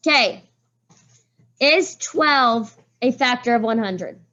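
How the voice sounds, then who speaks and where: A slightly high-voiced woman teaches math in a classroom, explaining each step and calling on pupils by name. Her voice is wearing a little hoarse. The recording is dull and lo-fi. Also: animated, slow, pushed and bright. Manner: walks students through steps, calls on pupils by name. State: voice getting hoarse.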